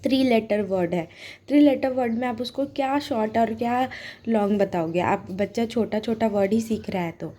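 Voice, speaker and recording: A woman giving a patient, casual phonics lesson for parents, sounding out words slowly. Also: a little high, mellow. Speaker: phonics teacher. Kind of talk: casual home teaching lesson.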